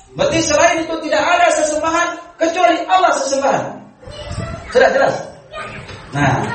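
A man giving a religious study lecture, explaining grammar step by step and quizzing his audience with short checks, chuckling often. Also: extremely high pitch. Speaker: Islamic religious teacher. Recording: very echoey room, voice from far off, faint background noise.

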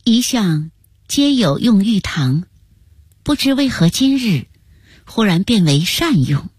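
A woman storyteller voicing a calm, composed imperial consort in her thirties who answers in an even, coolly polite way. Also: medium pitch, takes it slowly, husky, no echo, exaggerated voice.

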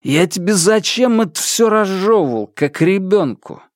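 A lazy, mocking young man, as a male narrator plays him in an audiobook. He drawls slowly in a slightly raised, lively voice, sneering at whoever he talks to. The sound is close and dry. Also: high-pitched, no room sound, pitched above the performer's own voice. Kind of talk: audiobook character voice.

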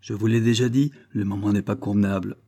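Curt, decisive lord, read by a man, mellow husky low voice, Victorian audiobook. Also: fairly even intonation, fast. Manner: curt, decisive, brooks no reply.

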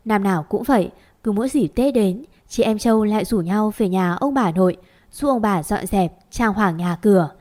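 A woman narrating a story aloud in a calm, even reading voice. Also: mid-range voice, moderate pace.

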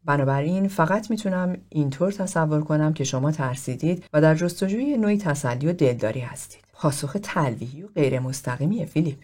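A man reading the part of a sixty-five-year-old psychotherapist who speaks in a probing, gently direct way. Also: on the high side, hardly any pauses, natural voice. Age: 60s.

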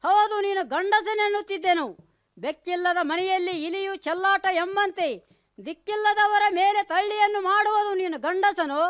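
A woman's voice: very high-pitched, fairly even intonation, normal speed. A woman voicing a defiant, pregnant demoness wife in a mythological radio play, speaking in a taunting, scornful way.

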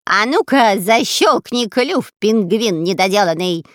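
A jittery, cowardly robber with a long nose whines and squeals, as a woman narrator puts him on, his voice pushed high. He sounds loud and bickering, close and dry for an audiobook. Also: big pitch swings, normal speed, no echo. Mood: squealing. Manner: whining, squealing, quarrelsome. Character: whiny, cowardly long-nosed male robber. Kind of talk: audiobook character voice.

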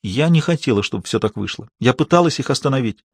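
Male reader doing a panicked young woman captive, tearful and pleading, husky edge, audiobook. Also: medium pitch, lively intonation, fast talker, dry recording, clean studio sound. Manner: tearful, pleading, breaking into hoarse cries. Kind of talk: audiobook reading.

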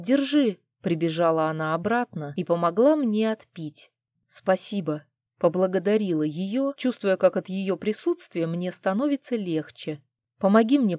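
A woman's voice: lowish voice, a little mellow, no echo, clean studio sound. A woman narrating a romance novel in the first person with a dramatic, emotional reading. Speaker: audiobook narrator.

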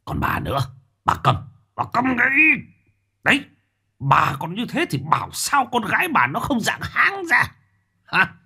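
A man voicing a tyrannical rich village patriarch who shouts and scolds harshly in a spoken story. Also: high-pitched, huge pitch swings, a little slow, vocal fry, pauses often, breathy edge, voice pushed up, full character voice. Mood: furious shouting.

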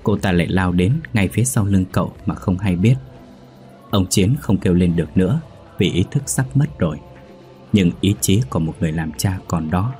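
A man narrating a ghost story in a steady, measured reading voice. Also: low-pitched, soft background music.

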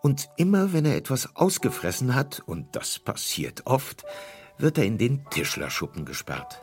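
A man giving scripted documentary narration in a measured, varied way. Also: mid-range voice, very animated, vocal fry, faint music behind.

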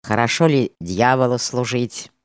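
A woman's voice: very deep voice, a little slow, clean tone, no echo, studio quality. A woman voicing a stern, gloomy monk, a former soldier, speaking firmly and soberly. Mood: stern grim. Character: stern red-haired male monk, grim ex-soldier in chains.

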